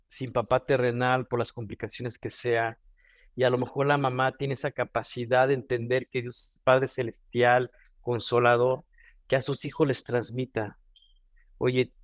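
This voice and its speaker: Mexican male devotional speaker, mid-pitched, earnest, dry close sound. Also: no room sound. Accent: Mexican Spanish. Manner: earnest, repeats and restarts phrases. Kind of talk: devotional teaching.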